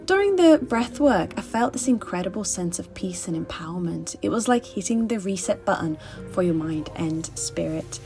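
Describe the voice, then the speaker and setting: A woman reading a reflective, measured voice-over for her vlog. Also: fairly low pitch, a little mellow, soft background music. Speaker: vlogger. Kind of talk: scripted voice-over narration.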